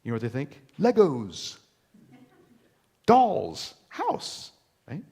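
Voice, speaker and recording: A man preaching a sermon in a church, folksy and animated, acting out little quoted voices and repeating words as he starts a thought. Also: mid-range voice, slow pace, husky. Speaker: pastor. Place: church sanctuary.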